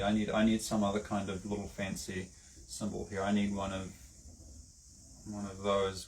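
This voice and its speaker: A man with a New Zealand accent giving a rambling, casual lesson, full of fillers and restarts. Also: fairly low pitch. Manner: halting, many fillers and restarts. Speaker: online lecturer. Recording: distant mic with faint background noise.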